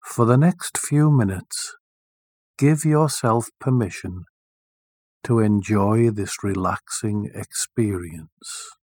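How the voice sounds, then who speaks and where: A man leading a guided meditation, speaking softly and soothingly with long, deliberate pauses. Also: lowish voice, no echo, clean studio sound.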